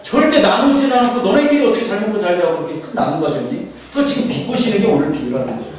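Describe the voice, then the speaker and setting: A man's voice: sits high, expressive, racing, slight background noise. A man preaching a sermon as pastor, often putting questions to the congregation. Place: church sanctuary. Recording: echoey church hall from far off.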